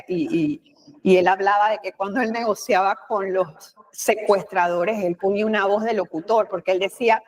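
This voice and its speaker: A woman with a Panamanian Spanish accent and a mid-range voice, speaking as the guest in an interview. She talks in an animated, expressive way, acting out little quoted lines. Her speech is loose and chatty, with frequent fillers. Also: medium pitch. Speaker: guest, communication expert. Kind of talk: conversational interview.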